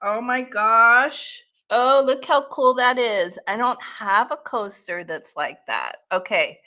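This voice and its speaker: A woman chatting excitedly as she opens gifts on her craft vlog, gasping and exclaiming often. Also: on the high side, slow pace. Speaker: craft vlogger. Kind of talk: casual unboxing chat. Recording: echoey room.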